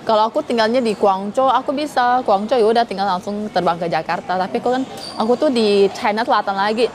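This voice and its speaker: A young woman from Kalimantan, her Indonesian accent carrying a Hakka influence, chats casually on a live stream in a mid-range voice at a quick pace. She talks to her viewers as if they were friends. There is a little hiss or hum in the audio.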